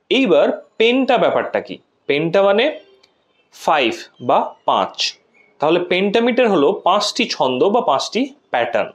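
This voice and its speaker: A man's voice: sits high, dull audio. A man giving a lesson, explaining methodically and repeating examples. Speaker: teacher. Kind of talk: classroom lecture.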